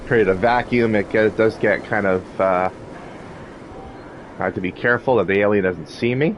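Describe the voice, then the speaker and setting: A man's voice: fairly low pitch, normal speed, highs cut off, slight background noise. A man giving casual video game commentary, thinking aloud in a hesitant way. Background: game music and sound.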